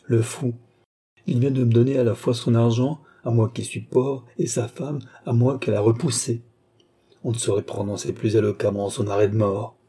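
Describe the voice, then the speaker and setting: A man's voice: mid-range voice, fairly even intonation, moderate pace, mellow, slightly rough. A man voicing a treacherous army captain who speaks coldly and mockingly, taunting his victim. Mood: brooding. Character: treacherous scheming Italian army captain, gloating.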